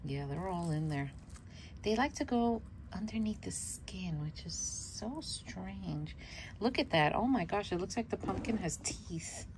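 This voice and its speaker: Here the worm composting host sounds mid-range, animated and unhurried, with some noise behind her. Spanish is her first language; at home she gives a chatty, self-laughing show-and-tell of her bin, repeating herself as she goes.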